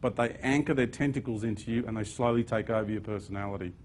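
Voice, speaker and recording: A man's voice: medium pitch, quick pace, a little hiss or hum. A man giving an earnest spiritual talk to an audience, with sudden emphatic bursts. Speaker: speaker.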